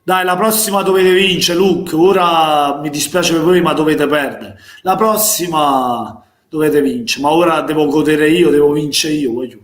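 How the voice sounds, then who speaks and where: Hoarse Neapolitan fan calling a match. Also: male voice, on the high side, normal speed, reverberant. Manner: passionate, chanting and singing fan chants, shouting encouragement. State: losing his voice. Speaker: fan streamer doing live match commentary. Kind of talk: excited live football watch-along commentary.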